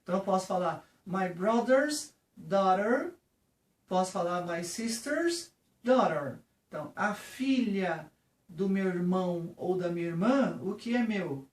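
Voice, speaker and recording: Brazilian teacher talking slow and patient, kinda far from the mic in an echoey room. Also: mid-range voice, lively intonation. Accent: Brazilian Portuguese. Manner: patient, often checking in with the viewer. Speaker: English teacher. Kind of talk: lesson. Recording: roomy, from a distance.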